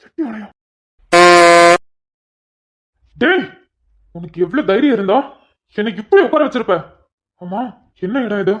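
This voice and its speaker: A woman's voice: medium pitch, expressive, moderate pace, lightly acted. A woman voicing a young, spoiled, rich male villain who makes sneering threats. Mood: defiant. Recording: dull lo-fi audio.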